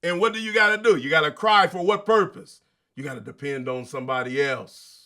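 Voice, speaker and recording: Bright, emphatic motivational man. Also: a little high, a little fast. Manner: preachy, emphatic, colloquial, with rhetorical questions. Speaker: show host. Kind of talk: motivational monologue.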